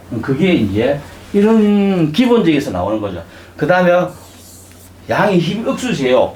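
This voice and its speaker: A middle-aged saju lecturer gives a live lecture to a class in a lecture room with an audience, constantly putting questions to the class and acting out little voices. His voice sits on the high side, and the room is echoey.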